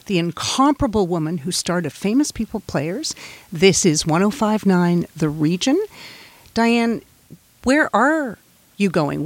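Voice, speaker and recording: A woman's voice: medium pitch, dry recording. A woman hosting a radio interview, keeping it on track with brief remarks. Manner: brief, steering the conversation. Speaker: radio host.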